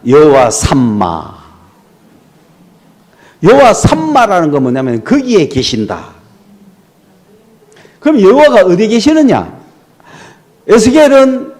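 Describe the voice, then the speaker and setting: Middle-aged male pastor, high and very lively voice, animated sermon storytelling. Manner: animated storytelling, rhetorical questions to the congregation.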